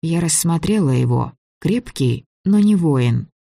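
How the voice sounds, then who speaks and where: A fantasy audiobook read in the first person with an even, measured delivery at a middling pitch. The recording is dry and close, with no room sound at all. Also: gravelly, no echo. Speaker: audiobook reader.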